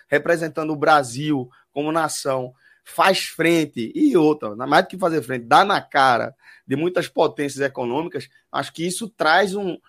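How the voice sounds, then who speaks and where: A Brazilian man hosting a casual football chat, pausing often with fillers. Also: fairly high pitch, no room sound, clean studio sound. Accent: Brazilian Portuguese. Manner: hesitant, fills with "é". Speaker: show host.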